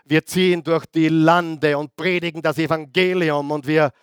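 A man preaching a sermon, animated, acting out voices of biblical figures. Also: a little high, normal speed, clean tone, no echo, clean studio sound.

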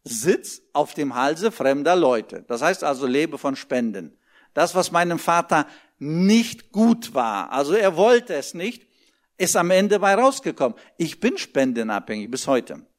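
A middle-aged preacher man giving a sermon in a somewhat high voice. He is animated and slips into little acted-out dialogues as he makes his points. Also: unhurried.

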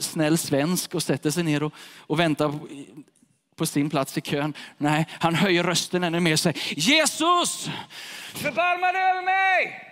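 A man preaching a sermon to a gathered audience, emphatic and repeating his key phrases. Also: fairly high pitch. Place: church hall with a live audience. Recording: echoey hall reverb.

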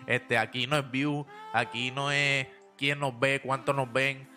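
A man's voice: mid-range voice, flat delivery, measured pace, bright, forceful tone. A man hosting a casual religious talk, repeating phrases for emphasis. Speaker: show host. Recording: music behind the voice.

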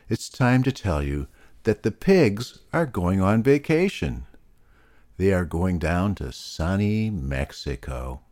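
A man reading a children's story aloud to young listeners in a slow, expressive storyteller manner. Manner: slow, expressive storyteller delivery, swooping pitch.

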